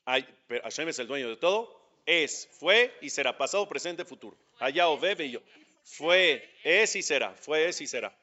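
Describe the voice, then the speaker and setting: A rabbi with a Mexican accent teaches a religious class in a fairly high voice, stressing his points and putting questions straight to his listeners. The recording sounds dull and lo-fi. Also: animated, moderate pace, bright, forceful tone. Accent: Mexican Spanish.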